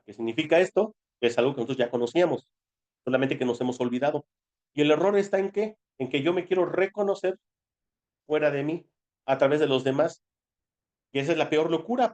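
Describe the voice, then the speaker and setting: A man with a Mexican Spanish accent and a slightly high, slightly mellow voice explains spiritual matters informally. Talking like a teacher in a conversational way, he raises rhetorical questions and answers them.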